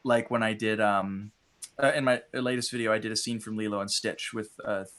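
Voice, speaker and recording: A man talking casually as a podcast guest, upbeat and animated, a voice impressionist. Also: fairly low pitch, brisk.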